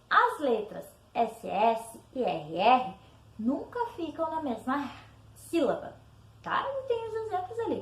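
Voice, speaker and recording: Lively high-voiced Brazilian woman teacher. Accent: Brazilian Portuguese. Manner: explains patiently, checking in with "tá?". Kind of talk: recorded spelling lesson walkthrough. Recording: echoey room.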